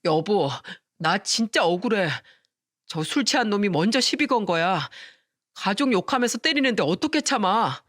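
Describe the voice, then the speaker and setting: A woman doing a complaining husband, low. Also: animated, normal speed, fairly bright tone, dry recording, clean studio sound. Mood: aggrieved. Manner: complaining, pleading. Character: aggrieved younger husband.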